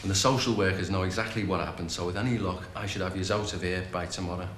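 A man's voice: low-pitched, steady tone, fast, natural voice. An actor with a British accent playing a breezy, unreliable father in his thirties, slangy and chummy, in a television drama. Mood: matey, coaxing. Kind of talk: naturalistic television drama acting. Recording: echoey room, faint noise.

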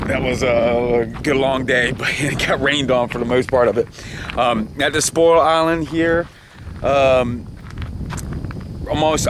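A man in his forties talking casually to his camera outdoors on a beach by open water, telling his day in a halting, rambling way with many restarts. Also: mid-range voice, slight background noise. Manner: rambling, halting, with frequent restarts and small laughs. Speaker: kayak travel vlogger. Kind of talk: casual outdoor video diary. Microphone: handheld camera or lapel, close framing.

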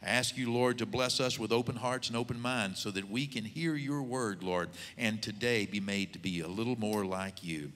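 A man's voice: fairly low pitch, normal speed, few pauses, a bit bright, big-room sound. A man, the host pastor, introducing a guest and praying fervently, repeating Lord and God. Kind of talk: introduction and prayer.

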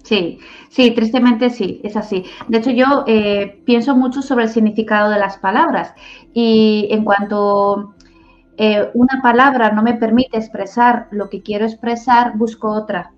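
A woman's voice: a little high, fairly even intonation, a little slow, faint music behind. A woman from Spain working as a family counselor, answering interview questions in a reflective way, with many "eh" fillers and "¿no?" tags. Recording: slightly dull lo-fi audio.

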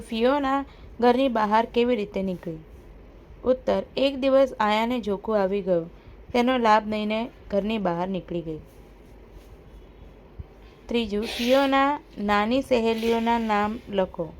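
A woman teacher, reading out workbook questions and answers in a steady, dictating way. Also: mid-range voice.

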